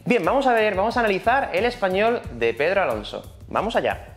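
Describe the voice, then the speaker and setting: A man's voice: high voice, expressive, a little fast, soft background music. A man with a Spain Spanish accent teaching an online Spanish lesson in a chatty, explanatory way. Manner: chatty, explanatory, many fillers.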